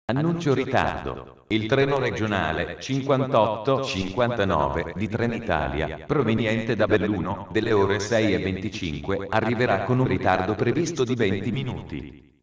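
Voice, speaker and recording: Man, flat formal station announcement, segmented phrasing, distant, muffled public address sound. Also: fairly low pitch, moderate pace. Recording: echoey dull station loudspeaker from afar.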